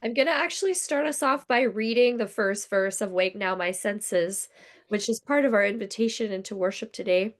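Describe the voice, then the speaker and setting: A hoarse woman giving the opening words of a sermon over a video call, in a gentle, measured reading voice. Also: a little high. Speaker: guest speaker.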